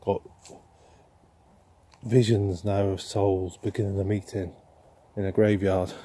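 Low husky man in a graveyard. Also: flat delivery, takes it slowly. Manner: soft, musing, asks questions aloud. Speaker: paranormal investigator host. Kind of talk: ghost-hunting vlog, talking to spirits. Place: outdoors in a churchyard.

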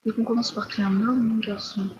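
A teenage girl chatting through a live mobile game stream, full of fillers and drifting into soft whispered asides. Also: fairly high pitch, fairly even intonation, quick pace, highs cut off, a little hiss or hum. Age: teens. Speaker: livestreamer. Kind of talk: casual live gameplay commentary.

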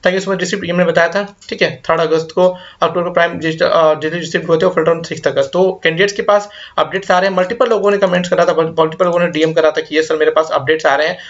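On a slightly dull, lo-fi recording, a young career guidance YouTuber rattles through updates and viewer comments in a casual video. His voice sits a little above the usual pitch with fairly even intonation as he blends Hindi and English quickly. He keeps reassuring and checking in with viewers, often saying "ठीक है".

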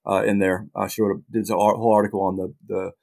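A middle-aged man, a journalist guest in a casual interview, talking in halting bursts with many restarts and dry asides. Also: fairly low pitch, little pitch movement, gravelly, a little mellow.

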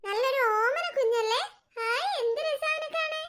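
A middle-aged cartoon mother coos and fusses over a little one in a high, bright voice, voiced by a woman. She is doting and a little drowsy. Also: normal speed. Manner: drowsy then cooing and doting. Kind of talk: cartoon voice acting.

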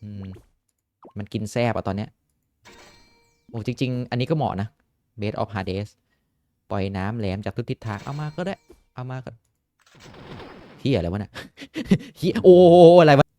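A young man giving casual gameplay commentary, excitable and swearing often, with frequent exclamations. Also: on the low side, measured pace, long pauses, faint music behind. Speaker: gaming YouTuber.

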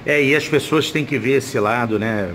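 A man's voice: mid-range voice, moderate pace, a bit bright. A Brazilian man asking questions as a casual interviewer, recorded with some noise behind him. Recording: noticeable background noise.

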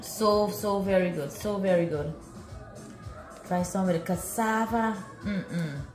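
Indoors in a reverberant home kitchen with music in the background, a middle-aged food vlog host talks slowly in a mid-range voice. Her cooking chat is casual, and she often says things twice while marveling at the dishes.

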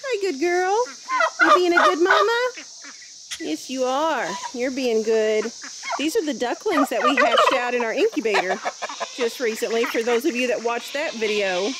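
A cheerful woman in her thirties with an Ozark accent walks her farm at dusk, talking into a phone held at arm's length. Her voice sits a little high. Crickets and insects chirp clearly all around. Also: animated, moderate pace. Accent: Ozark American. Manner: chatty, cheerful, talks to camera while walking. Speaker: homestead vlogger. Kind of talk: casual vlog narration while walking. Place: outdoors on a rural farm at sunset. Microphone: phone camera held at arm's length. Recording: clear outdoor noise of crickets. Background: crickets and insects outdoors.

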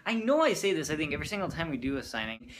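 A man talking excitedly and jokily into a handheld camera for his travel vlog. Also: fairly high pitch, racing. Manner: excitable, chatty, jokey. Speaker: vlogger. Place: busy convention and city streets. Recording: crowd chatter and background noise.

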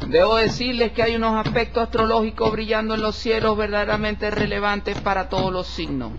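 A man reading a tarot horoscope in a solemn, slow and formal way, addressing the listener with respect. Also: high voice, flat delivery, over music. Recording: dull lo-fi recording with faint hiss.

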